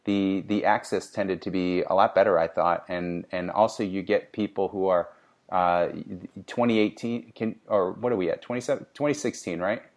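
A man's voice: deep voice, fairly even intonation, normal speed. A man co-hosting a casual sales podcast, giving upbeat coaching advice with frequent restarts. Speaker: podcast co-host.

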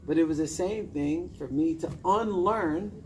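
This personal development coach, a man in his thirties, speaks in a slightly high, unhurried voice while coaching a small group informally. Sitting among them in an indoor lounge, he is emphatic and directive, firing off short commands and questions. The room is noisy, with an ambient hum.

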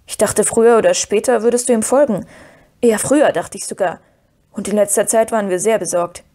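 A woman reading the part of Merry, a calm and knowing young male hobbit who speaks with quiet decisiveness. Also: mid-range voice, fairly quick, natural voice. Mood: reassuring.

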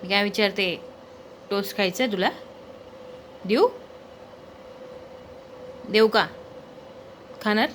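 A woman's voice: mid-range voice, takes it slowly, long pauses, slight background noise. A woman chatting casually to her pet dog, coaxing and teasing it with repeated questions. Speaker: pet owner vlogger.

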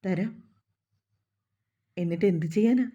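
A gentle, reassuring young man, as a woman reading a story puts him on. The tone is warm and husky, and the recording is dull. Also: mid-range voice, a little slow. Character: Vishnu, calm kindly young man.

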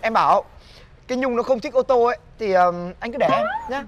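A man's voice: extremely high pitch, fairly quick, a bit bright, lo-fi sound, slight background noise. A man playing a cheeky young shop worker, teasing and laughing. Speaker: shop employee. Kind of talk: comedy sketch acting.

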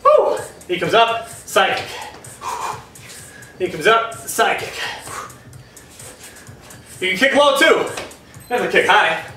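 A man coaching a home kickboxing workout, energetic and encouraging, calling out moves while out of breath. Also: high-pitched, slow, long pauses. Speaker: fitness instructor. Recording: echoey room from far off, music behind.

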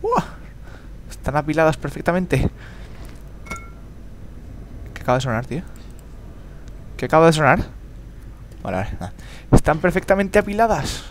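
A man's voice: on the high side, expressive, moderate pace, long pauses, slight background noise. A man giving frantic horror game commentary, swearing a lot and repeating words in panic. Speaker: gamer.

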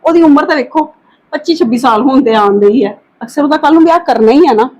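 A woman playing an aunt in a family drama, reasoning calmly and pleading for patience. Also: high voice, quick pace, lo-fi sound. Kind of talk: acted family drama dialogue.

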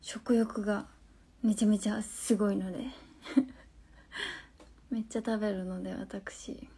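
A woman in her twenties with a Hakata dialect, hosting a casual phone live stream, chatting, reading viewer comments aloud and answering them, sometimes dropping into soft near-whispered asides. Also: mid-range voice, level tone, moderate pace, husky. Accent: Hakata dialect of Fukuoka.

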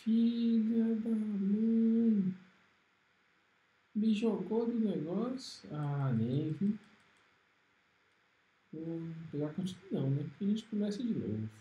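A man with a Brazilian Portuguese accent giving excitable, trash-talking commentary while streaming a fighting game. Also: a little high, measured pace, reverberant, dull audio. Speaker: gaming streamer. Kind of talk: live gameplay commentary.

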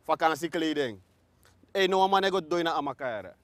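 A man's voice: a little high, lively intonation, moderate pace, a bit bright, no room sound, faint music behind. Een man met een Surinaams-Nederlands accent, vrij hoog van stem, leidt als presentator een ontspannen interview op de bank. Hij plaagt zijn gast met vragen. Zijn stem klinkt droog en dichtbij. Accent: Surinamese Dutch. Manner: teasing, playful questioning. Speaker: talk show host. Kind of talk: casual couch interview.

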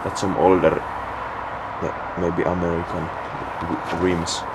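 A man with a Finnish accent, speaking English as a second language, exploring an abandoned house and thinking aloud in halting, searching phrases. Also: low voice, level tone. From Finland. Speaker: urban explorer. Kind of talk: casual exploration vlog. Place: abandoned house and garage, indoors. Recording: noisy handheld field recording.

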